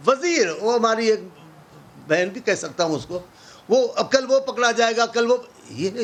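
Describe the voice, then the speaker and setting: A man with a notably high voice argues as an opposition politician on a televised debate show. He is impassioned and biting, firing off rhetorical questions and sarcastic asides.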